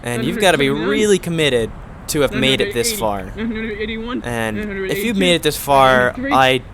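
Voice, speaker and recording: A man's voice: fairly high pitch, very animated, unhurried, a crowd in the background. A man giving casual voice-over commentary on his own vlog, rambling and self-mocking, full of fillers. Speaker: vlogger.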